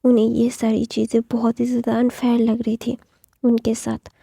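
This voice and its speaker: A woman retelling a fan story, talking softly and often half in a whisper, with many fillers. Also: on the high side, completely flat delivery, normal speed, vocal fry, husky, no room sound, studio quality.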